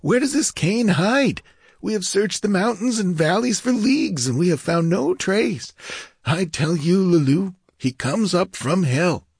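A man's voice: sits high, animated, a little slow, darkish tone, slightly rough, no room sound, studio quality, pitched above the performer's own voice, exaggerated voice. A man doing a frightened superstitious bandit. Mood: fearful. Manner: gloomy, fearful.

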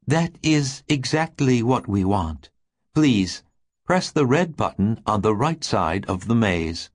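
A man voicing the calm telepathic voice of a toy maze, smooth and salesmanlike. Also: fairly low pitch, slow pace, full character voice. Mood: placid.

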